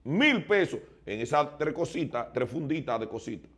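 A man with a Dominican accent, arguing emphatically as a TV panelist in a lively studio debate. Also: a little high. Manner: emphatic, insistent, lists items rapidly.

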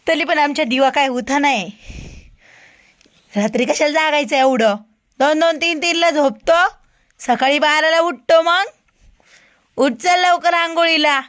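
A woman's voice: sits high, unhurried, pauses often, fairly bright tone. A woman vlogging at home, chatting to the camera about her day in a casual way. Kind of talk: casual home vlog chat.

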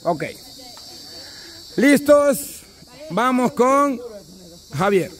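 A man running an outdoor rope-crossing contest, giving brisk commands and repeating his calls. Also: very high-pitched, animated. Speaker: event organizer calling a rope-crossing contest. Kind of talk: live instructions to teams outdoors.

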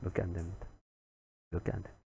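A man's voice: sits low, little pitch movement, fast, creaky, warm tone, breathy edge. A man giving a recorded grammar lecture, repeating key words and checking in with "right?" often. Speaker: English grammar teacher.

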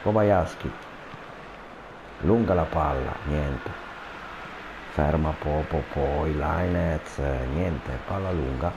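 A man giving amateur football commentary on a video game match, with casual asides and excited repeats of player names as attacks build. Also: a bass voice, slow, pauses often. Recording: clearly noisy home recording.

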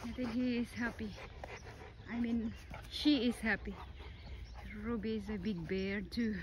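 A woman's voice: a little high, steady tone, a little slow, noisy background. A woman vlogging with her dogs, talking to them in a coaxing, sing-song way. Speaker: dog owner vlogger. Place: outdoors at home with dogs.

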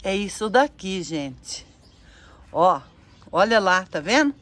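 Slow-spoken woman touring her orchid house. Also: medium pitch, sing-song. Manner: admiring, exclamatory, repeats words softly. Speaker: orchid grower and channel host. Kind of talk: casual guided tour, talking to viewers.

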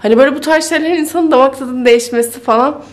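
A woman's voice: sits high, rapid-fire. A woman chatting casually in a home vlog, thinking aloud and easily amused, with faint music behind her. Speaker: vlogger. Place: home kitchen.

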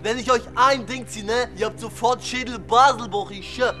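A man's voice: very high-pitched, normal speed, sharp tone, soft background music. Man doing a brash, broken-tough guy. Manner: aggressive street slang, broken German, "ich, äh" tic. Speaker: comedian. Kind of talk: comedy character rant.

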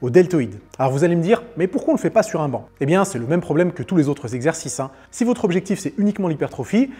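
A man explaining gym exercises in a quick, upbeat fitness tutorial, including a sponsor read. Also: on the high side, sing-song, warm tone, slightly rough. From France. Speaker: fitness coach.

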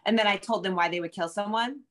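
A middle-aged American novelist appears as an interview guest on a video call from a room at home. She talks casually and quickly in a mid-range, slightly bright voice, thinking aloud as she goes.

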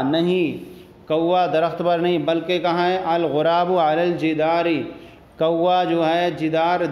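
A man's voice: on the high side, a little mellow, echoey room. A man teaching an Arabic grammar lesson, repeating each phrase and translating it step by step. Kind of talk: classroom lesson explaining Arabic in Urdu.

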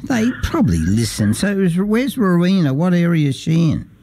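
A man's voice: high-pitched, very animated, normal speed, dark tone, a little hiss or hum. A man with an Australian accent hosting a radio show, joking around and tossing in "mate" often. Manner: jokey, interjecting, calls people mate. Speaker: radio host. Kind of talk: casual radio chat.

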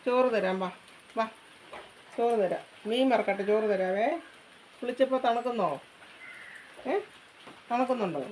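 A woman's voice: a little high, darkish tone, a little hiss or hum. A woman vlogging at home in her yard, talking to her pet dog in a coaxing, affectionate way. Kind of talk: casual vlog chat while caring for a pet dog.

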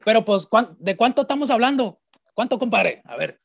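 Man playing a crude dad, gravelly, high, rambling, stammering. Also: expressive, moderate pace, exaggerated voice. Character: crude, greedy Mexican dad, loud and shameless.

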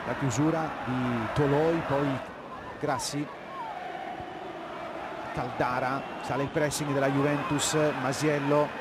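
A man's voice: mid-range voice, steady tone, slow pace, long pauses. A man doing live football play-by-play in clipped phrases, naming players as the move unfolds. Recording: loud stadium crowd noise behind. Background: stadium ambience.

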